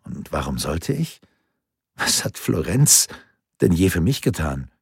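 A man voicing a brooding, reluctant Renaissance artist held prisoner, in a measured, reflective way. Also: low-pitched, sing-song, gravelly, slightly rough, no echo, studio quality, heavily acted. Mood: wary.

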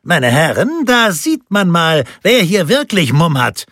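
A man's voice: on the high side, sing-song, measured pace, fairly bright tone, no room sound, clean studio sound, voice pushed up. A man voicing a scornful, powerful nobleman who mocks and threatens his enemies in a raised voice. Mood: mocking. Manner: mocking, sneering, commanding.

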